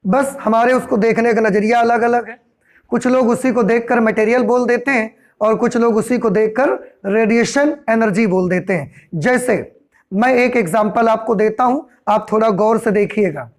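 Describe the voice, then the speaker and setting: A man's voice: extremely high pitch, moderate pace. A male teacher talks through a lesson in a patient, explanatory way. He repeats key phrases several times and poses rhetorical questions to the class before answering them himself. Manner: repetitive, explanatory. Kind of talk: classroom lecture.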